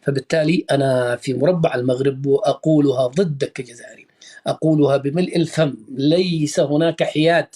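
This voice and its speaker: A man hosting a live stream, calming an angry caller and then lecturing him in an emphatic way. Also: on the high side, brisk.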